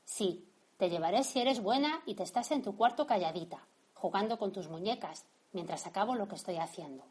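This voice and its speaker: A woman voicing an affectionate, easily flustered young mother, breathless and exclaiming, with a husky voice. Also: medium pitch, lively intonation, a little fast, a little mellow. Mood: gently scolding.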